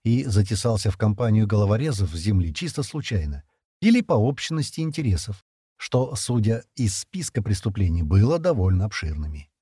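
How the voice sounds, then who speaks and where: A man narrating an audiobook in an expressive storytelling manner. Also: fairly low pitch, brisk, slightly rough, no room sound, studio quality. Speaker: audiobook reader.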